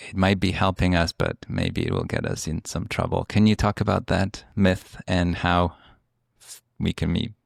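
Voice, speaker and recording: Man with Polish accent, low gravelly voice, dry sound, eager podcast host. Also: animated, moderate pace, dry recording. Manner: eager, enthusiastic questioning. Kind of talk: interview hosting.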